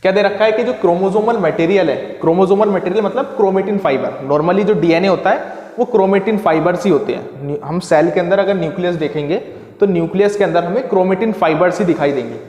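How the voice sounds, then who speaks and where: Male tutor, high voice, walks through a lesson, room with long reverb. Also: fast, darkish tone, highs cut off. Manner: asks and answers own questions, repeats key terms. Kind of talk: classroom lesson explaining diagrams.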